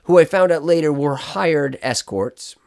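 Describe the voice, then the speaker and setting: A man's voice: on the high side, a little slow, creaky. A man casually telling a long story on a podcast, rambling and cutting himself off with asides. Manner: rambling, self-interrupting, animated storytelling. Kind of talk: casual chat.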